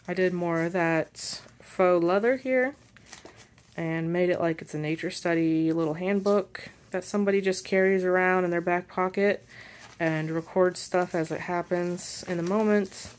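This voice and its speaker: Lower-voiced woman showing her crafts. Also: fairly even intonation, slight background noise. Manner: unhurried, pausing while handling pages. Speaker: journal maker and shop seller. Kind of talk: casual show-and-tell craft walkthrough.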